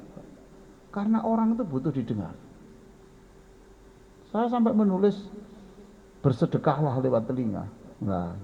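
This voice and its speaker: A man's voice: mid-range voice, creaky, phone-quality sound, a little hiss or hum. A man with a Javanese accent preaching a folksy sermon and speaking directly to his listeners. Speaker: Islamic preacher.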